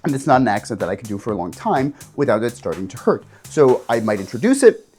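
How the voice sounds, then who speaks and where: A man, a game master, teaching tabletop players how to do voices in a casual instructional video, jumping his pitch up and down to demonstrate. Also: fast, slightly rough, soft background music. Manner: animated, jumps pitch up and down to demonstrate.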